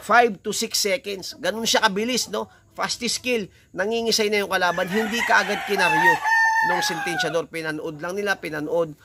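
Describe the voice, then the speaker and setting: A hoarse man with a gravelly, creaky voice talks casually to his vlog audience, heated and animated, repeating himself as he goes. His pitch sits a little high and swings widely from line to line. Loud roosters crow close behind him the whole time. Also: normal speed, heavy background noise. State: hoarse from shouting. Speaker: cockfighting vlogger.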